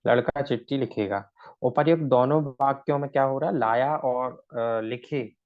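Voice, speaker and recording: A man's voice: mid-range voice, normal speed. A man gives a shorthand lesson in a mid-range voice. He asks a question and answers it himself, slipping English terms into his explanations. The recording sounds a little dull and lo-fi. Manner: mixes in English words. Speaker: shorthand teacher.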